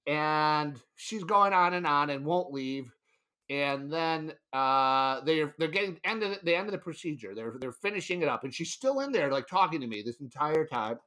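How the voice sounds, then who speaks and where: A young adult man telling a story in a casual podcast chat, animated and laughing often, putting on other people's voices. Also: a little high, normal speed. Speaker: podcast co-host.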